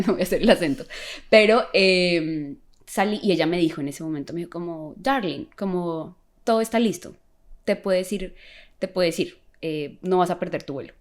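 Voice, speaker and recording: Young woman, lowish voice, casual and animated storyteller who acts out the other voices. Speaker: podcast guest sharing a testimony.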